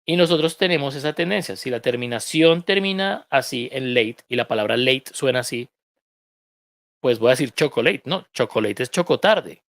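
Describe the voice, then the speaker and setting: A man's voice: medium pitch, normal speed, creaky, a bit bright, dry recording. A Colombian man leads an online English reading class, explaining pronunciation step by step. He drops joking asides along the way. His voice sits mid-range and sounds dry and close. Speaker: English teacher.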